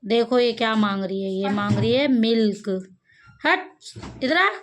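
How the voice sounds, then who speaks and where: A woman's voice: a little high, moderate pace, slight background noise. A woman filming a cat in her home courtyard on a phone, talking to it and calling it in a coaxing, sing-song way. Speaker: pet vlogger. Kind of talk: casual talk to a cat while filming. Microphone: phone camera.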